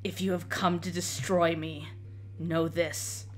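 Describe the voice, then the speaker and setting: Lady doing a raspy undead knight corpse, low and breathy, cold, grave and doomed, tabletop game villain. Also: flat delivery, slow pace, faint music behind. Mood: grim, threatening. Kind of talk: in-character tabletop game role-play.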